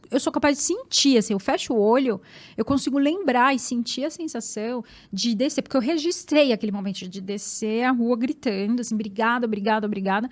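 Animated Brazilian woman telling her story. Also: on the high side. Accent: Brazilian Portuguese. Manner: animated, emphatic, repeats words. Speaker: interview guest, marathon runner. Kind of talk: personal storytelling in conversation.

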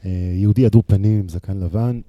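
A man in his thirties, a panel guest, speaking thoughtfully and telling parables with pauses into a handheld microphone. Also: fairly low pitch, dry recording, lo-fi sound. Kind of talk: reflective panel discussion.

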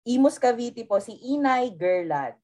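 Young woman host reading fan comments, polite, bit higher voice. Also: lively intonation, a little slow, a little mellow. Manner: polite, uses respectful po, short replies. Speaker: interviewer reading fan questions.

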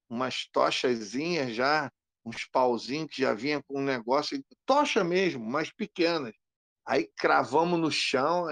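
Gravelly man telling a story. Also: on the high side, no echo. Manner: animated, acts out quoted lines. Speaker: podcast co-host. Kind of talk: casual storytelling.

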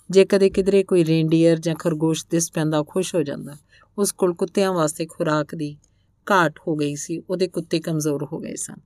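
A woman narrating a translated novel aloud in an even, measured storytelling manner. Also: sits low, no echo, clean studio sound.

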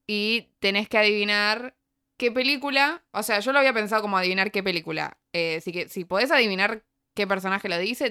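A young woman with a Rioplatense Spanish accent, playing a film quiz in casual chat with a friend, giggly and animated. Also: medium pitch, smooth. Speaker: quiz player.

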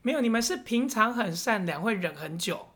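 A woman's voice: on the high side, expressive, a little fast, a bit bright, husky. A woman with a Taiwanese Mandarin accent, co-hosting a podcast in casual chat, blunt and teasing and swearing casually. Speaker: podcast co-host.

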